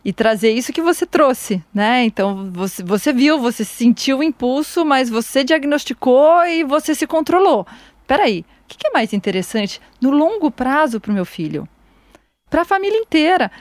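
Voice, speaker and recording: A woman co-hosts a podcast and explains her points in a reflective way. Her voice is fairly high, and the recording is dry and close. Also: expressive, normal speed, dry recording. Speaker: podcast co-host. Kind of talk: podcast conversation.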